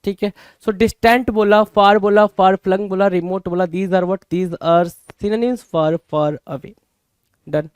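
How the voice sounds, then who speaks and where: A man with an Indian English accent teaches vocabulary for exam prep, repeating words, posing rhetorical questions, and calling his students "bhai." His high voice is steady and smooth, he takes his time, and the recording is dry.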